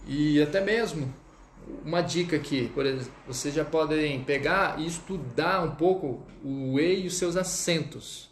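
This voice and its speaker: A man's voice: fairly high pitch, a little slow, a little hiss or hum. A Brazilian man teaching French in a casual live stream, chatting with viewers and checking in often as he goes. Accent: Brazilian Portuguese. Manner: chatty, reads out viewer comments, frequent "tá?" check-ins. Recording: echoey room.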